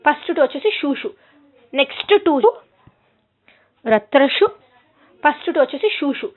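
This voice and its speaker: A woman's voice: high-pitched, lively intonation, unhurried. A woman teacher from Telangana with a Telugu accent, chanting Sanskrit noun declensions in a rhythmic recited lesson and checking in with her students. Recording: tinny phone-like audio.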